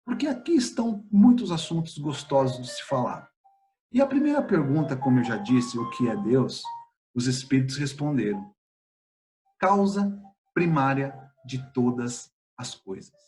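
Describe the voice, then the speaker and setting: A man with a Brazilian Portuguese accent giving a spiritist study lecture, speaking in a measured, halting way with pauses and filler sounds. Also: medium pitch, very animated, music in the background.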